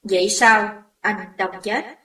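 A woman's voice: mid-range voice, steady tone, takes it slowly, a bit bright, faint music behind. A woman voicing a distraught young woman who is grieving and furious, recorded in a roomy space away from the mic. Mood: anguished accusing. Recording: roomy echo, distant mic.

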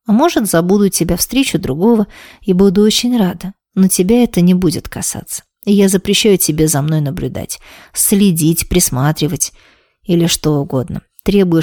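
A woman's voice: on the low side, darkish tone, dry recording, studio quality. A woman voicing a stubborn young woman in love, pleading and insistent, in an audiobook.

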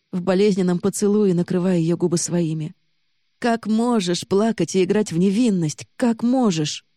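A woman calmly reading a fantasy romance novel aloud, in a measured way. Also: on the low side, dry recording, studio quality. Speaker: audiobook reader.

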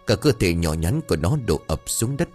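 A man narrating a ghost story in a low voice that swings widely in pitch. His telling is dramatic and expressive. Soft music plays faintly behind him. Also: fairly quick.

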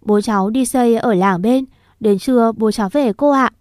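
A woman's voice: a little high, moderate pace, a little mellow, no room sound, clean studio sound, natural voice. A woman voicing a sulky, quarrelsome teenage village boy. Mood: subdued. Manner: quarrelsome, then tearful.

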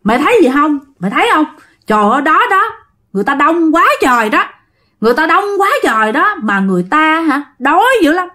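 A woman's voice: high-pitched, big pitch swings, a little fast, bright, forceful tone, voice pushed up, full character voice. A woman voicing a hungry spirit posing as an old woman, pleading insistently. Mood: begging. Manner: pleading, insistent, rough familiar address.

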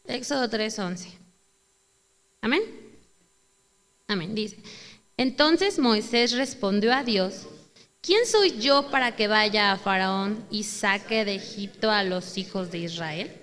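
A woman with a Mexican accent preaching a sermon, acting out prayers and questions in a raised, animated voice. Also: medium pitch, slow, pauses often. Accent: Mexican Spanish. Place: church hall. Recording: hall reverb.

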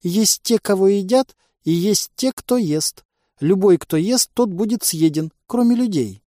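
Man doing a squeaky alien captive girl. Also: animated, a little slow, mellow, no echo, studio quality. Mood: squeaky bewildered. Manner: squeaky, puzzled, childlike. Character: frightened, naive female alien captive.

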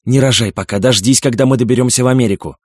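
Reader doing an anxious dad, pleading and tense, kinda grim. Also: male voice, lowish voice, expressive, slow pace, fairly bright tone, slightly rough, no echo, studio quality, exaggerated voice. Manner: pleading, urgent. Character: anxious husband and father.

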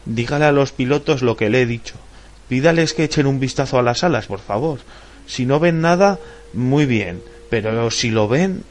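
A male audiobook reader voicing a terrified airline passenger who pleads and shouts, his voice pushed high and loud. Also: expressive, normal speed, lightly acted. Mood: pleading.

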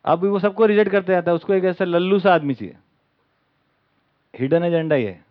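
Male camp speaker, satirical storyteller, higher voice, muffled lo-fi recording. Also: moderate pace. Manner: satirical, acts out the people in his stories. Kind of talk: storytelling lecture to an audience. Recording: dull lo-fi recording.

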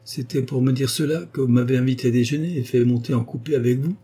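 A man's voice: medium pitch, brisk, dark tone, husky, natural voice. A man voicing a miserly old rustic wood merchant who talks bluntly and mockingly, in an audiobook. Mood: gruff.

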